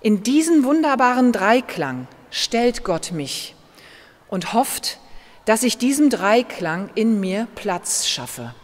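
A woman pastor with a German accent, preaching a sermon in a slow, measured way with gentle emphasis. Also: on the high side, big pitch swings. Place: church. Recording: long church reverb.

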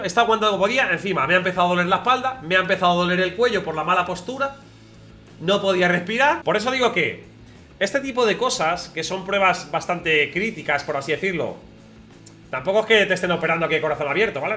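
A man telling a personal story in casual vlog style, animated and imitating sounds and voices. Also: high-pitched. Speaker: vlogger.

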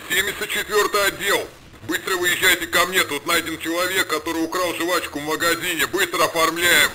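A man's voice: on the high side, fairly even intonation, a little fast, pushed and bright, a little hiss or hum, rough recording. A man voicing a crude, swearing cop who calls out urgent announcements over a police radio. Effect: police radio transmission. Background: music.

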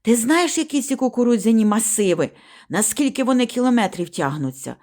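A woman's voice: fairly high pitch, expressive, brisk, darkish tone, close to an everyday voice. A woman voicing Yava, a bold, bossy village boy who hisses and scolds, in an audiobook reading. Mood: urging.

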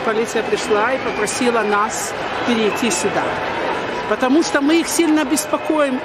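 A middle-aged woman with an Odessa accent, giving a casual, wry street interview outdoors. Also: a little high. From Odessa, Ukraine. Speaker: protester being interviewed. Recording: very loud crowd and street noise.

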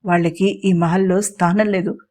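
A woman's voice: fairly low pitch, flat delivery, moderate pace, a little mellow, close to an everyday voice. A woman voicing a confident, sarcastic young prince in a storybook reading. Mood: cool. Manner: teasing and sarcastic.

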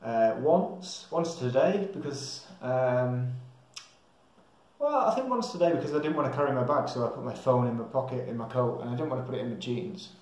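This is a young adult English traveler vlogging in a small indoor room with tiled, hard walls that produce strong echo. He speaks at a normal speed in an animated, slightly mellow, medium-pitched voice. His talk is casual, rambling, and hesitant, as if working things out aloud.

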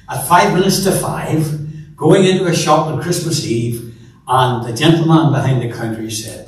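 A male minister preaching a sermon in earnest, repeating words as he builds emphasis, with touches of gentle storytelling humor. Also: mid-range voice. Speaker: minister leading worship. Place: large church sanctuary. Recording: echoey church from a distance.

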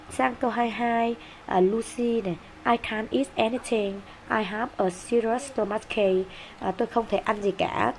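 A woman teacher walking through exam answers in a brisk, explanatory way, with many fillers and an occasional cough. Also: mid-range voice, creaky, slight background noise. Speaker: English teacher.

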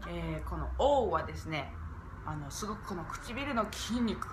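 A jazz vocalist teaching pronunciation in a casual vlog lesson, stretching out vowel sounds to demonstrate them. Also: female voice, fairly low pitch, expressive, roomy sound, loud music behind the voice. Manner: demonstrates vowel sounds with drawn-out, exaggerated syllables.

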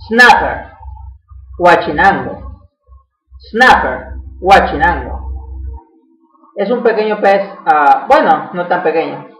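A man's voice: sits high, pushed and bright. Male teacher, patient repetition drill, heard from across an echoey room. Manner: repeats each word slowly, checking with "¿ok?". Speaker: English teacher. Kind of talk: classroom vocabulary drill. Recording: echoey room, mic far off.

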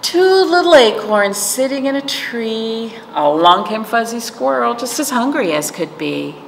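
A middle-aged woman with a slightly high, creaky voice speaks a little slowly and animatedly. As a children's librarian hosting virtual storytime, she reads aloud and shares rhymes with young children, explaining simply and checking in with questions. She sits in a small library room; the recording has echo and background noise.

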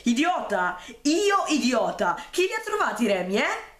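A man reading a stocky, touchy teenage boy who bursts out defensively in a shrill voice. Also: big pitch swings, normal speed, a bit bright, reverberant, exaggerated voice. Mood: indignant.

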